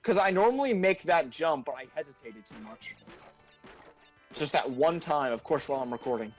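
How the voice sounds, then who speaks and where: A man's voice: a little high, lively intonation, normal speed, faint music behind. A young man commentating casually on his own gameplay with friends, joking, swearing freely and voicing strong opinions. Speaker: player and commentator. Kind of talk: casual let's-play commentary among friends.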